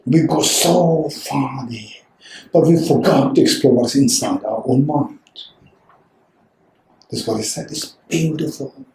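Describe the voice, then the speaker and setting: A Buddhist teacher with a medium-pitched, darkish voice gives a slow, conversational dharma talk to a live audience. He checks in often with "right?" and "okay" and repeats phrases for emphasis. The room has a noticeable echo.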